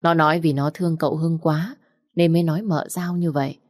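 Female story narrator, low voice, dry close sound. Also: steady tone, fairly quick, no echo.

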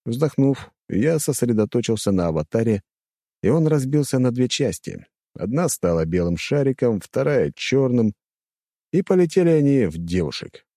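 Brief: male audiobook narrator, dark warm tone, animated delivery, dry close mic. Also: mid-range voice, normal speed, no echo. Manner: expressive storytelling. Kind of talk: scripted first-person narration.

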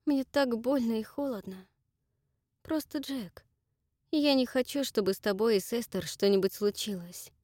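A woman reading an audiobook, voicing an embittered young woman with a sharp, cold, commanding way of talking. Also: a little high, big pitch swings, moderate pace, few pauses, no room sound, studio quality, pitched above the performer's own voice. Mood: weary pleading. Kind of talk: audiobook character voice.

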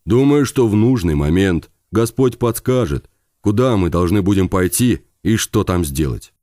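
A man reading a novel aloud, voicing a calm, grave priest who speaks in a measured, solemn way. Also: low-pitched, no room sound, clean studio sound.

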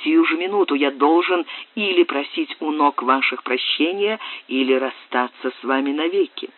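A man's voice: on the high side, moderate pace, natural voice. A man voicing an earnest, anguished young lord in a read-aloud story. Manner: earnest, questioning delivery. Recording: narrow phone-like audio.

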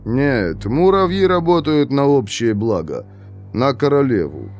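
A man voicing a calm, detached young male prisoner in his twenties who speaks slowly and in a measured, lecturing way. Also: mid-range voice, soft background music. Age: 20s.

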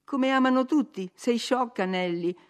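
A woman's voice: a little high, normal speed, pitched above the performer's own voice, natural voice. A woman voicing an impetuous, willful young woman who speaks in an emphatic, insistent way. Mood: passionate.

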